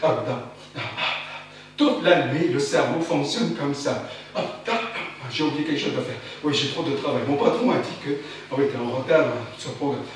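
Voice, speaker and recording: Male solo performer, theatrical spoken-word monologue: frantic repetitive chanting, self-questioning, loud-to-hushed swings; far from the mic in a boomy room. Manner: talks to himself in quick questions and answers. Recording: very roomy, distant, faint background hiss.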